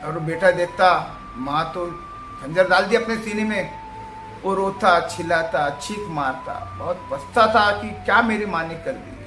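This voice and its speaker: A man's voice: sits high, a little slow, pushed and bright. A man telling a religious folk tale dramatically, calling listeners brother. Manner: emotional, addresses listeners as brother. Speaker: storyteller. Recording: echoey room, faint music.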